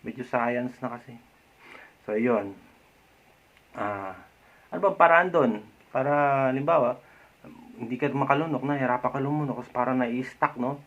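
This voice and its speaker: A man's voice: medium pitch, normal speed, pauses often. Chatty man giving advice, dull lo-fi sound. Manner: chatty, frequent tag questions, occasional soft chuckles. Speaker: vlogger. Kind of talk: casual advice talk.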